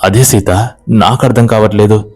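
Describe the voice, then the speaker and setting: A man voicing a stubborn young village husband who shouts and demands answers in a horror story. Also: fairly low pitch, fairly even intonation, moderate pace, lightly acted. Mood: shouting, demanding.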